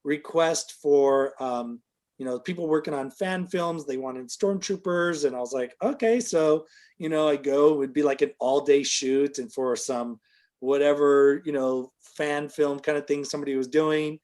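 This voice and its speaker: A man's voice: on the high side, steady tone, normal speed, a little mellow. A middle-aged man telling a long, casual story as an interview guest, full of fillers, and livelier when he quotes other people.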